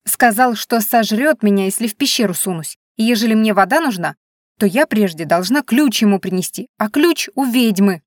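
An impatient young woman on a quest argues loudly and insistently, exasperated at every delay, as a narrator voices herself in an audiobook. The sound is dry and close, with no room around it. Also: medium pitch, animated, moderate pace, no room sound, natural voice. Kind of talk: audiobook reading.

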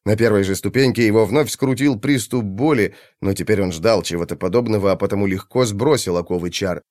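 A man narrating a fantasy audiobook in a measured, dramatic reading. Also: fairly low pitch, a little mellow, no echo, clean studio sound.

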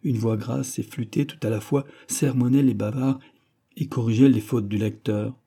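A man reading a classic novel as an audiobook, in an even storytelling narration. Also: medium pitch, moderate pace. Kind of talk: scripted narration.

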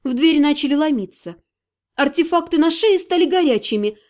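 A woman narrating a first-person fantasy audiobook in an expressive storytelling manner. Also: high voice, moderate pace. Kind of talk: scripted narration.

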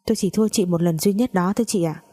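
A woman voicing a calm, self-assured young woman who answers in a cool, cutting way. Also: fairly low pitch, fast, lightly acted. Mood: cold.

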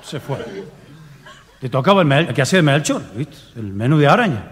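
A man's voice: on the high side, lively intonation, fairly quick. A man with an Argentine accent telling a comic story, chuckling through his lines. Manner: laughing while telling the story. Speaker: comedian. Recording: faint hall reverb with light noise.

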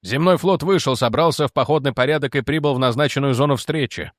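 A tired, steady general speaks in a lowered, measured voice, as a male audiobook narrator puts him on. The reading stays close and dry. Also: no room sound, lightly acted. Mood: weary calm. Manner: calm, measured, low delivery. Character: weary, calm middle-aged male general.

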